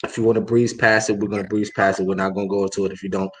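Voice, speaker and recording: Low-voiced man hosting, hesitant. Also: level tone, rapid-fire. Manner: hesitant, filler-heavy questions. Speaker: podcast host. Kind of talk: casual interview.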